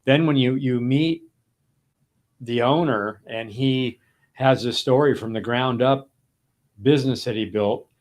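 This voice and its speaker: A man's voice: mid-range voice, unhurried, pauses often. A man co-hosting a casual interview, playful and bantering. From Los Angeles area. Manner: playful, laughs easily, bantering. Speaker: podcast co-host.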